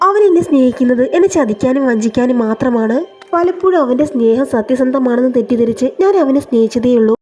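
Woman doing a tearful young wife, hurt, soft mellow voice. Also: high-pitched, close to an everyday voice. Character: heartbroken young pregnant wife.

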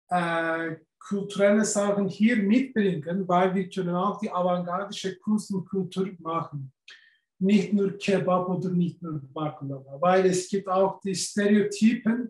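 A man, answering interview questions over a video call, often pausing and searching for words. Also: sits high, darkish tone. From Turkey. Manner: searching for words, many pauses and fillers. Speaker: festival organizer. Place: indoor office with film posters. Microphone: webcam on a video call. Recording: echoey room.

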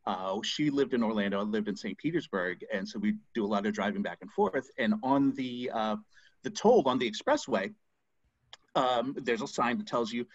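A man's voice: mid-range voice, expressive, moderate pace, no echo. A man in his forties, a spoken word artist, talking as a guest in a casual video-call interview from home, hesitant with many ums and restarts. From United States. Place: home room, seated on a couch. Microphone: video call webcam. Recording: dull lo-fi call audio.

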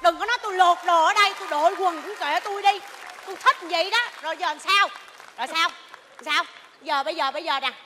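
A woman's voice: extremely high pitch, fast talker, crowd noise, background noise. A woman, playing an indignant wife bickering in a stage comedy sketch. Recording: reverberant theater stage.

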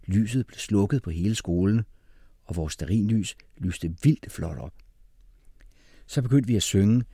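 A man's voice: on the low side, dark tone, breathy edge, dry recording, clean studio sound. A man narrating a story in the first person, reading expressively. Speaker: audiobook narrator.

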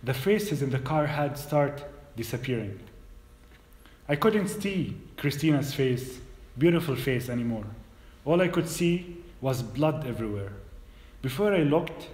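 A man in his thirties from Palestine, a native Arabic speaker, giving a measured personal talk as a guest speaker in a church hall. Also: mid-range voice. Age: 30s. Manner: measured, hesitant at first then steady storytelling. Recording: roomy hall echo.

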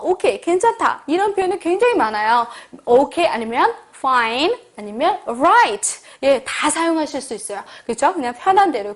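A high-pitched woman leads a beginner English lesson. She says each phrase slowly and repeats it so learners can follow along. She keeps checking in with short, friendly prompts. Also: fairly bright tone. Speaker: English teacher.

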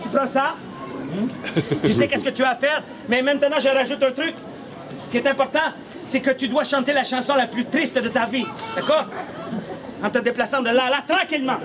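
A Québécois man in his forties from Quebec, Canada, works as a street puppeteer and comedian, telling comic stories theatrically and projecting to a crowd. His voice is extremely high-pitched and fairly quick. He's outdoors on a town street, and the recording picks up a noisy open street and a loud crowd.

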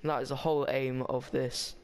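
Smooth-voiced guy narrating gameplay. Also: mid-range voice, level tone, fairly quick. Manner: rambling, chatty, with frequent restarts. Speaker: gaming guide maker. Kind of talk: casual game walkthrough voice-over.

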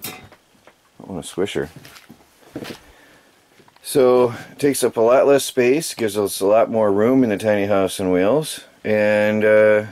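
A man's voice: on the low side, a little mellow, slight background noise. A middle-aged man in casual chat as a vlogger, laughing often, filmed by a camera across a small wooden cabin living room.

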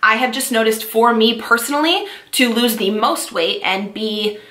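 Fast, chatty fitness vlogger woman. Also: a little high, sharp tone, reverberant. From California. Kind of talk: casual product-review vlog.

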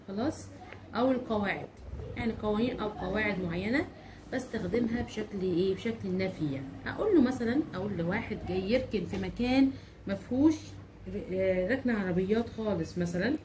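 A woman teacher with an Egyptian Arabic accent explaining English grammar, saying example sentences slowly and repeating them. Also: medium pitch, background noise. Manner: slow drawn-out English examples, repeats phrases, asks rhetorical questions.

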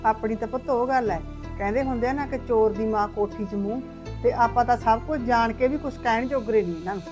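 A woman with a Punjabi accent playing a sharp-tongued village mother-in-law who scolds fast and loud. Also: on the high side, music in the background, natural voice. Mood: scolding. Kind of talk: village family drama acting.

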